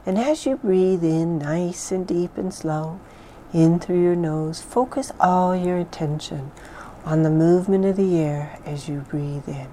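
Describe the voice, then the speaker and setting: Slow, soft-spoken woman guiding meditation. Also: on the low side, slight background noise. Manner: soft, calm, soothing delivery with breathy phrase endings. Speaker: mindfulness exercise guide. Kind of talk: guided meditation, soothing instruction.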